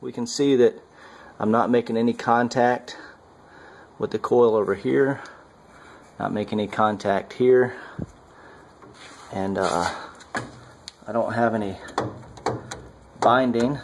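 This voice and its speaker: A man narrating his welding work on a car in a casual workshop vlog, halting with many fillers, on a handheld camera mic. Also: mid-range voice, fairly even intonation, slight background noise, poor audio. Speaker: home car builder. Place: garage workshop, indoors.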